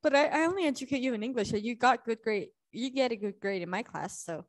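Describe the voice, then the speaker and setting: A young woman who teaches English talks casually with her students in an online class over video call. Her voice sits a little high, she speaks quickly, and she laughs often between remarks.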